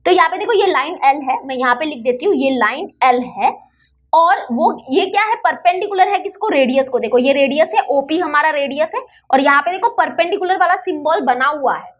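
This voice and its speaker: A woman's voice: high voice, lively intonation, a little fast. A young woman teaching an online maths lesson in a chatty, coaxing way, repeating key points.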